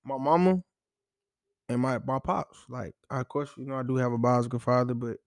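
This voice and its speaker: A man's voice: mid-range voice, smooth, dry recording, clean studio sound. A young man, a college football player, talking casually and with feeling in an interview, often saying "bro". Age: young adult. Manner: heartfelt, repetitive, says "bro" often.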